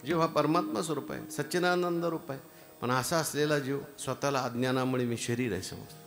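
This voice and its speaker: A man with a Marathi accent preaching a devotional kirtan sermon, telling stories and breaking into loud sung verses. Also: mid-range voice, a little fast, gravelly, music in the background. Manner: rises into loud sung chants, storytelling with dialogue.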